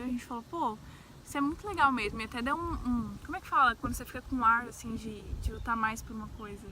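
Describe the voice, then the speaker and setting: Chatting informally about her own experiences, this young Brazilian travel vlogger, who grew up in Brasília, speaks with a central-west accent in a bright, fairly high voice. She keeps adding small tags to invite agreement, and some faint noise sits behind her.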